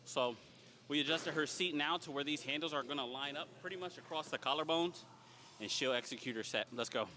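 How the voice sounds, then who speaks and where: A man coaching in a gym, explaining training in a relaxed way and often checking in with "right?". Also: on the high side, a little fast, background noise. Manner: explanatory, keeps tagging "right?". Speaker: personal trainer. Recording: faint background music.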